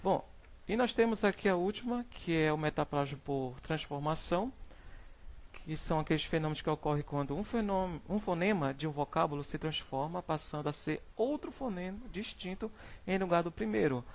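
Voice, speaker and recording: Male brazilian teacher, slightly high voice, gravelly fry, slide lecture, repeats each example word. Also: expressive. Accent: Brazilian Portuguese. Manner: repeats example words slowly, adds "né?" and "certo?" checks. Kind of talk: classroom slide presentation on phonetics.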